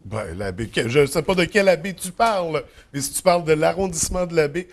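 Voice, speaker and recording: Male host, Quebec French accent, somewhat high voice, conversational delivery for a local talk segment. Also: expressive, fairly quick. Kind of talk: conversational hosting.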